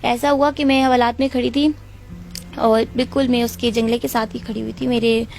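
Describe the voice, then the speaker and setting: Young woman, Pakistani Urdu accent, gravelly, fairly high, earnest interview account. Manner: earnest, steady recounting. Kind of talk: emotional personal account.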